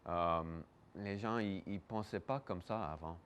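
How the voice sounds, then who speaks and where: A man's voice: sits low, measured pace, fairly bright tone, smooth. A man giving hesitant, explanatory answers in a casual interview. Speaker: museum interviewee.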